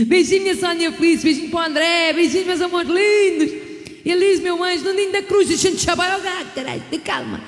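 Middle-aged Portuguese woman, high-pitched, casual bawdy live-stream host; long hall reverb. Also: normal speed. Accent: European Portuguese. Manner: bawdy, chatty, laughs often, sends kisses to viewers. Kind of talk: casual live-stream chat with shout-outs. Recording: echoey room with long reverb and music.

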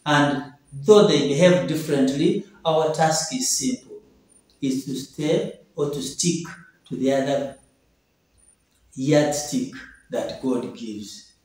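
A young male pastor preaches an earnest sermon, returning to the same phrases again and again. His voice sits a little high for a man. It comes from some distance off the mic and rings through a very echoey little room. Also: slow, a little mellow. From Uganda. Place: small indoor room at a table.

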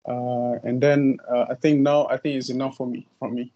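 A man's voice: medium pitch, little pitch movement, moderate pace, dark tone, highs cut off. Hesitant male instructor on a video call. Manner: hesitant, many fillers and restarts. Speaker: course instructor. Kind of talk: online class introductions.

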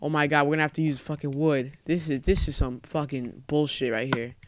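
A man's voice: fairly high pitch, steady tone, a little fast, fairly bright tone, no room sound. A young man swearing his way through a let's play, jumpy and panicky, talking to himself as he plays. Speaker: gamer.

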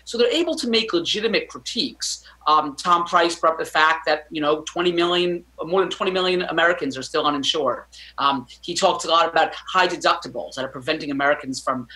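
On a video call from his home study, a male physician in his thirties fields news interview questions as a guest commentator. He talks a little fast in a sharp, higher-pitched voice, the recording rough, and he hedges with many ums, fillers and restarts.

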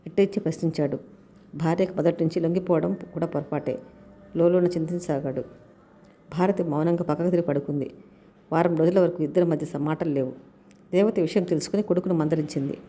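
A woman's voice: low voice, mellow, a little hiss or hum. Woman reading a story aloud. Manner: reads all characters' dialogue in her own voice. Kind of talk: scripted story narration.

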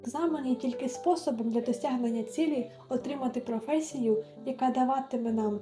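A young woman in her late teens talks through study advice with an earnest, gentle manner. Her voice sits on the higher side. The room rings noticeably, and clear background music plays under her speech. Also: a little fast, echoey room. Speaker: vlogger. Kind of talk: advice vlog narration.

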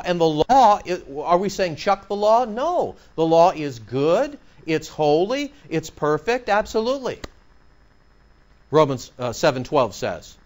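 Male pastor, sermon, sarcastic rhetorical questions, high voice, very lively pitch.

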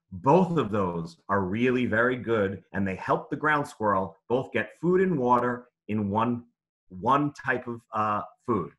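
A man with a mid-range, slightly bright voice reads aloud and teaches young children over a video call. His phrases are simple, encouraging and instructive in this interactive read-aloud lesson.

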